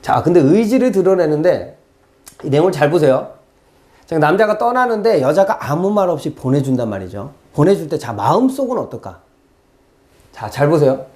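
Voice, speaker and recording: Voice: mid-range voice, big pitch swings, moderate pace, darkish tone. A teacher giving a recorded exam-prep lecture, acting out quoted lines and asking the class rhetorical questions.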